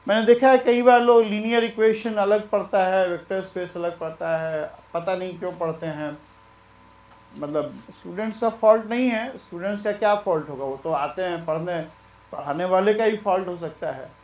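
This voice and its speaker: A man teaching maths in a relaxed, chatty way, mixing Hindi and English and repeating himself. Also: high-pitched, normal speed, roomy sound. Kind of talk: lecture.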